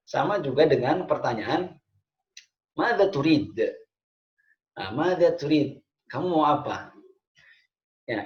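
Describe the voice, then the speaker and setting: A man's voice: a little high, a little mellow. A man with an Indonesian accent teaching an online lesson in a casual, conversational way, repeating phrases and then explaining them. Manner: casual, conversational with many fillers. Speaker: Arabic teacher. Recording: roomy, dull lo-fi sound.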